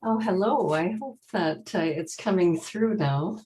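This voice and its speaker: A woman's voice: on the low side, unhurried, a little mellow. A woman panelist joining by video call, talking casually and apologizing for technical trouble. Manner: flustered, apologetic.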